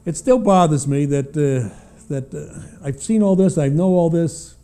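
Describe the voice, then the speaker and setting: Hesitant American man, dark muffled voice. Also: fairly high pitch. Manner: hesitant, halting, with frequent uhs and pauses. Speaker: witness, former government aviation official. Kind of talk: personal testimony, unscripted recollection.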